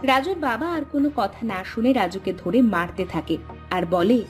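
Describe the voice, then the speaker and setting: Woman telling a cartoon story, steady narration, kinda high voice, soft music behind. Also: moderate pace.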